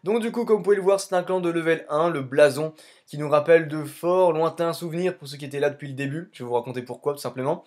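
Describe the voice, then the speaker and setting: A man's voice: a little high, fast talker, a little mellow. A young man from France giving casual, improvised gaming commentary as a YouTuber, rambling and repeating the same filler phrase. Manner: casual, rambling, keeps saying "tout simplement". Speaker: YouTuber investigating game clans.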